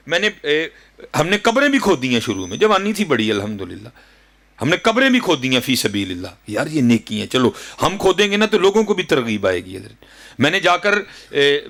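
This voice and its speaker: A man in his thirties with a Punjabi accent delivers a fervent sermon, his voice gravelly and rough at the edges. His pitch sits in an ordinary middle range but jumps sharply on rhetorical questions. He keeps turning to his listeners with respectful address. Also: a bit bright. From Pakistan. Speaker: preacher. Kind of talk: Urdu sermon.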